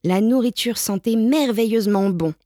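A woman reading a children's picture book aloud in a gentle, expressive way. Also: fairly high pitch, moderate pace, background noise. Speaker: storyteller. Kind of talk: children's storybook read-aloud.

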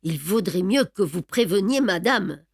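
A woman's voice: mid-range voice, lively intonation, a little slow, vocal fry, husky, no echo, clean studio sound, exaggerated voice. A woman voicing an unflappable middle-aged male plumber who gives matter-of-fact, upbeat instructions in an audiobook. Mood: businesslike.

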